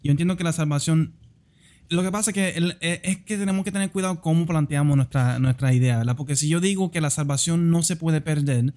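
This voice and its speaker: Man, somewhat high, mellow tone, measured conversational argument. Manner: measured, lays out his belief step by step. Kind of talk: conversational theological discussion.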